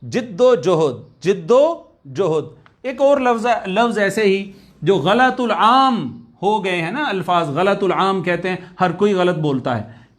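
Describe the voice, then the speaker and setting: A man teaching a recorded language lecture, repeating key words slowly and drawn out for drill. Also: high-pitched, fairly bright tone.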